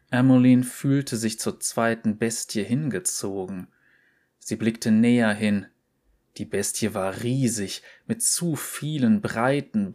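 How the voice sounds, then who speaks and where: Low-voiced guy reading a short story, really slow and measured. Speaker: narrator. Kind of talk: scripted narration of a short story.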